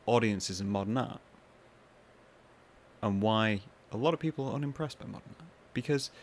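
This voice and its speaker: A man hosting a podcast in a casual, rambling monologue, with self-mocking asides and quoted voices acted out higher. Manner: acts out what others say in higher voices. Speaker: podcast host.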